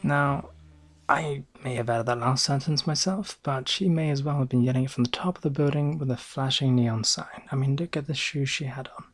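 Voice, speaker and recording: In this dry recording, a Northern English man uses his natural mid-range voice at a moderate pace to portray a boastful, bumbling noir private eye in ASMR roleplay. The narration is deadpan and rambling, broken up by hesitant asides.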